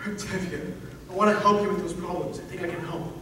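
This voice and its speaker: A man's voice: high voice, steady tone, fast talker, noisy background, lightly acted. A man acting a timid young tailor on a school stage, hesitant and pleading, stammering when pressed. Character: timid young male tailor, nervous suitor. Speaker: stage actor. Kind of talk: amateur stage musical acting. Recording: echoey theatre stage from far off.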